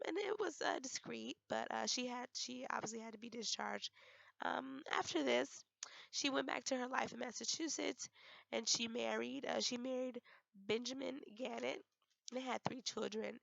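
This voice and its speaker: A young woman, hoarse from a cold, giving a class presentation with frequent ums and restarts. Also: fairly high pitch, a bit bright, no room sound, dull audio. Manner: halting, many ums and restarts. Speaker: student presenter.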